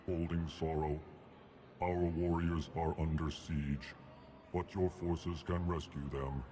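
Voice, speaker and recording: An actor playing a huge, earnest, slow-talking alien in a video game, formal and monotone. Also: male voice, rumbling low. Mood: urgent pleading. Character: huge, slow, earnest alien announcing his emotions flatly. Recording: faint ambient noise.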